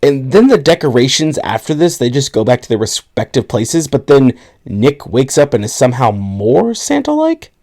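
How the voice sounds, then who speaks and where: A man's voice: medium pitch, very animated, normal speed, hardly any pauses, a little mellow. A young man co-hosting a casual podcast, recapping a movie's plot with sarcasm. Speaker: podcast co-host. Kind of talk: casual movie review chat.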